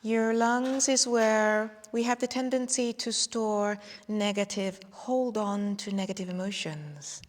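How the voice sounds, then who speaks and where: Slow, soothing woman guiding meditation. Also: medium pitch, fairly even intonation. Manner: slow, soothing, drifting into whispers. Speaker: qigong instructor. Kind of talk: guided meditation. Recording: long hall reverb.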